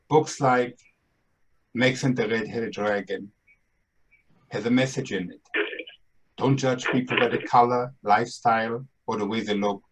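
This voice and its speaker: Here a Brooklyn-accented man in his seventies, with ties to Austria and Brooklyn, New York, delivers a casual podcast monologue. His mid-range voice is a bit bright and husky, and his manner is upbeat, playful and emphatic. The audio is poor.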